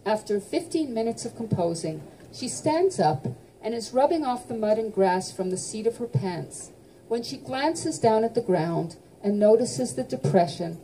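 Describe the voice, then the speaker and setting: Mellow-voiced woman reading her novel. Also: mid-range voice, a little hiss or hum, poor audio. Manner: lively, sings out musical notes. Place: bookshop event.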